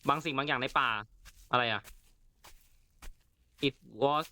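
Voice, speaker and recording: A man's voice: medium pitch, fairly even intonation, takes it slowly, sharp tone. A man hosting a let's play of a horror game, reacting chattily and reading the in-game text aloud. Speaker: gaming channel host.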